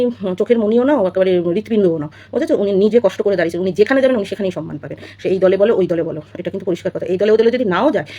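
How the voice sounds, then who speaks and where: A woman's voice: medium pitch, mellow, slightly rough, lo-fi sound. A woman giving a casual opinion monologue, scolding and full of rhetorical questions. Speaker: social commentator.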